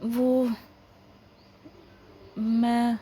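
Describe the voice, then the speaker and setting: A woman's voice: fairly high pitch, flat delivery, extremely slow, warm tone, husky, full character voice. A woman voicing a young woman stranded behind enemy lines in an ASMR role-play, grumbling to herself and pleading with stammers. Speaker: ASMR roleplay performer.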